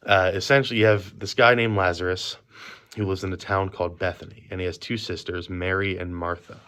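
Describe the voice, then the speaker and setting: A man with a deep, low voice leads a youth group through a relaxed devotional talk. He speaks from memory in an easy, conversational way. The talk is recorded on a phone at a quiet workplace. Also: fairly quick, clear, resonant tone.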